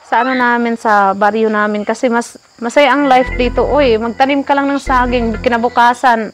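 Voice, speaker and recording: A woman's voice: on the high side, steady tone, moderate pace, soft background music. A young woman vlogging while she cooks on a family farm, chatting casually and slipping in playful jokes. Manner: playful teasing, frequent joking asides. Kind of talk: casual cooking vlog. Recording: loud insect and cricket noise.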